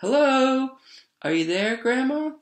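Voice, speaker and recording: A man voicing a sweet, naive little girl from a fairy tale in a light, high-pitched voice. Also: lively intonation, slow, roomy sound, heavily acted. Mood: puzzled, concerned.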